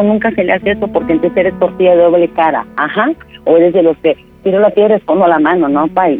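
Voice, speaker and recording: Man playing a high-pitched scolding Mexican woman, wounded and furious, talks over the other person, prank call. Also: narrow, tinny audio, close to an everyday voice. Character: hurt, furious woman accusing a male friend of betrayal. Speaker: prank caller.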